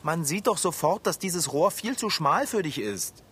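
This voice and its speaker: A man's voice: on the high side, sing-song, moderate pace, fairly bright tone, breathy edge, full character voice. A man playing a patient, cheerful bicycle mechanic who talks soothingly and practically in a children's puppet play.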